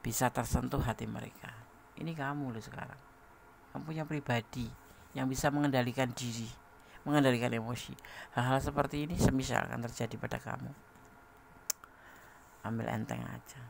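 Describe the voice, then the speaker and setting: Very gravelly man reading tarot. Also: medium pitch, steady tone, a little fast, long pauses, a little hiss or hum. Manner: chatty, laughs often, speaks straight to the listener. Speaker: tarot reader. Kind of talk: casual tarot reading to a viewer.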